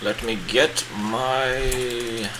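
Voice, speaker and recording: This man's mid-range voice stays fairly even in intonation as he paints live in character as a pompous old wizard with a beard. He puts on a British accent and delivers grandiose, hammy, drawn-out theatrical wizard speech. There's noise in the background.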